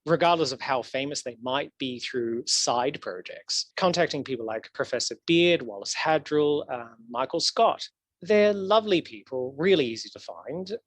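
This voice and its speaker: A man talking as a podcast guest in casual interview chat, animated and laughing often, his voice swooping up for emphasis. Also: mid-range voice, moderate pace, no room sound. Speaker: podcast guest, historical archivist.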